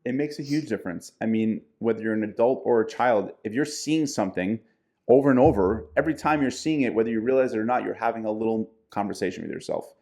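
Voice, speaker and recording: Gravelly low-voiced man giving advice. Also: fast, mellow. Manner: plain-spoken, gives practical advice. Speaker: podcast co-host, diet coach. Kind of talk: casual podcast chat.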